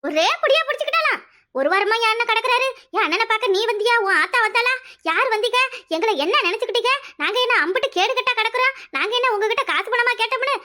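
A woman's voice: very high voice, expressive, fast talker, bright, forceful tone, heavily acted. A woman voicing an aggrieved village mother. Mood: scolding. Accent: Kanyakumari Tamil. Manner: complaining, theatrical. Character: aggrieved older village mother, bitter and scolding. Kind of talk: animated cartoon comedy dialogue.

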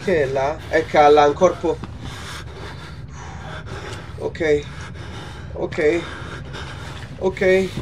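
A man's voice: fairly high pitch, steady tone, extremely slow, pauses often, darkish tone, slight background noise. A young man, giving horror let's play commentary, muttering to himself, swearing and yelping in fright. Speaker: gaming channel host.

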